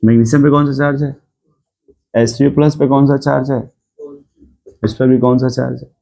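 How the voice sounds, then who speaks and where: A man's voice: medium pitch, flat delivery, moderate pace, gravelly, warm tone. A man teaching a chemistry class, lecturing and constantly asking the students questions. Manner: mixes English terms into Hindi explanation.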